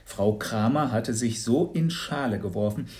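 A man reading a children's Christmas story aloud in an expressive, playful way. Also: medium pitch, measured pace.

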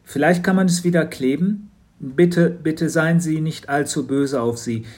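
A man's voice: on the high side, a little slow, darkish tone, pitched above the performer's own voice, close to an everyday voice. Man doing an earnest, nervous young boy. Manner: pleading, earnest.

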